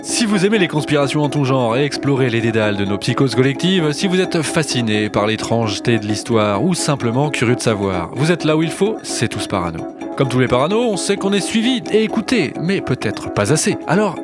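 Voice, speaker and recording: A man's voice: mid-range voice, big pitch swings, a little fast, over music. A man co-hosting a podcast, reading narration and chiming in with playful questions and asides. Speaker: podcast co-host. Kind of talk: scripted podcast narration and banter.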